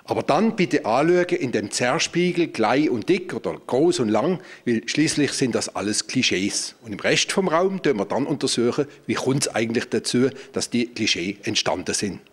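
A man's voice: medium pitch, lively intonation, moderate pace, few pauses, breathy edge. Man, forties, museum director, explanatory tour talk, handheld mic, exhibition hall. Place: large indoor exhibition hall. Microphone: handheld microphone.

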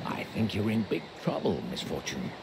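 An actor playing a mysterious demonic narrator spirit in a video game, deep-voiced, with a deliberate, sinisterly polite manner. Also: male voice, expressive, heavy background noise. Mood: calm, urging. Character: mysterious male narrator spirit guiding a little girl. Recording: game music behind.

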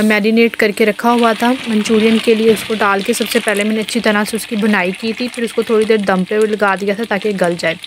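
Flat-toned Pakistani woman vlogging. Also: fairly high pitch, slight background noise. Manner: chatty, filler-heavy, step-by-step explaining. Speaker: home vlogger. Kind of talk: casual voice-over narration.

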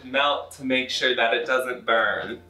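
Loud music plays behind a young American man as he slowly explains a recipe in his home kitchen, his mid-range voice fairly even, with playful, self-mocking asides. Recorded on a camera mic a few feet away, the room echoes.

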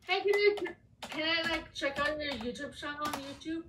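A woman chatting with a stranger over video chat, gushing and excitable. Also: sits high, normal speed, noisy background. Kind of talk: casual chat. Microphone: video chat computer mic.

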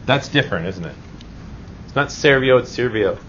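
This male Spanish teacher speaks at medium pitch and a moderate pace, with lively intonation and a somewhat bright tone. Teaching grammar, he stays relaxed and encouraging, often tossing in brief rhetorical questions to check on students. The audio is dull and lo-fi, with noticeable background noise.

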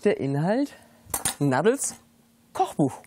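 A woman's voice: low-pitched, sing-song, takes it slowly, mellow, a little hiss or hum. A middle-aged woman from Sudan, chatting casually as a guest cook in a TV studio kitchen, breaking off mid-sentence and dropping in foreign words. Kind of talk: casual chat while cooking on TV.

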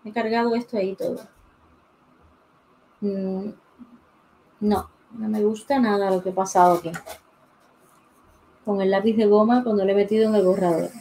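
A woman's voice: medium pitch, fairly even intonation, normal speed, long pauses, dark tone, a little hiss or hum, rough recording. A woman chatting casually while she draws during a live drawing tutorial, thinking aloud and greeting viewers by name, on a desk mic. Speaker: drawing teacher streaming live. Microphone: desk mic beside the pencil sharpener.

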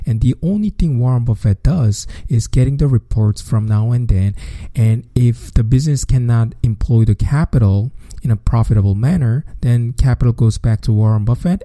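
Guy in his 30s, walks thru money stuff slow and methodical, dry close mic. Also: medium pitch, no echo. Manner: steady, methodical explaining with simple repeated phrasing. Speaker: podcast host. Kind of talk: explanatory podcast lecture.

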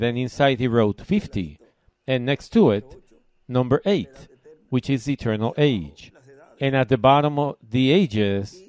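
Male preacher from Puerto Rico, mid-pitched, delivers a sermon in measured, emphatic phrases with pauses between them. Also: a little mellow. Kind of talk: sermon, reading and explaining scripture. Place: church service.

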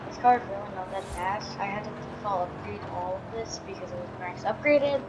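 Fairly quick and mid-range, this woman's scratchy morning voice sounds tired as she casually narrates a racing game for her channel. She's talkative, reasons out loud, and counts down launches, while the lo-fi recording picks up loud in-game engine noise.

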